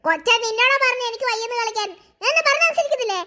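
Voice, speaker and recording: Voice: very high voice, expressive, rapid-fire, pushed and bright, a little hiss or hum, exaggerated voice. A performer voicing a magic Barbie doll in a cartoon, a doll girl who has grown big and talks in a curt, scolding way. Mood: snappish. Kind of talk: cartoon voice acting.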